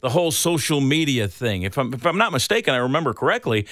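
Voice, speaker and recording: A man's voice: mid-range voice, sing-song, fast, fairly bright tone, no room sound, clean studio sound. A man hosting an interview who speaks with enthusiasm and rambles, often restarting his questions partway through. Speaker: interviewer host. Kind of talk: casual interview.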